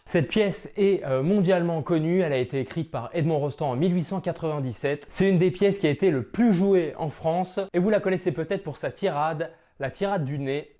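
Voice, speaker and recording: A man's voice: on the high side, mellow. A man talks casually to his viewers as the host of a theatre video. He is playful and jokey, slipping in theatrical asides as he explains.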